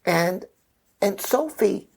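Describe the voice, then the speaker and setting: A middle-aged memoir author on a podcast shares a family story, rambling conversationally and tagging his points with "right?" and "you know." He speaks slowly and expressively in a high-pitched voice that's creaky with a breathy edge.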